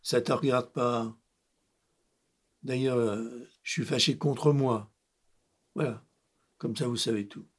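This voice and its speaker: Sulky, growling male lion, king of the animals, lonely and grumpy, played by a man; husky, unhurried delivery for a children's storybook. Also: mid-range voice, steady tone.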